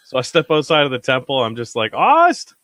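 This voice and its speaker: A man's voice: mid-range voice, quick pace, a bit bright, clear, resonant tone, dry recording. A man playing a tabletop game, chatting casually and asking questions.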